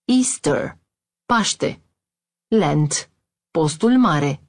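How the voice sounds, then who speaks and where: A woman reads a language lesson in a lowish voice that rises and falls a lot. She says each word slowly and clearly, with a pause after each one. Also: animated. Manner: slow, deliberate word-by-word reading with pauses; reads English words then Romanian translations. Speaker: language teacher. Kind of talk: scripted audio lesson.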